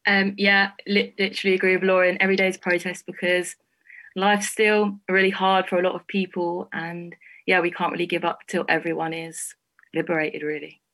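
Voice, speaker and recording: A woman's voice: lowish voice, level tone, a little fast, fairly bright tone. A twenty-four-year-old woman from England, a poet, speaking casually on a panel. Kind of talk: panel discussion.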